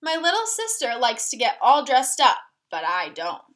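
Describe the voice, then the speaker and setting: Her voice is high and swings hugely in pitch, a bit bright, moving at a moderate pace. She reads a storybook to kids, pausing to explain things simply and quiz them the way a teacher would.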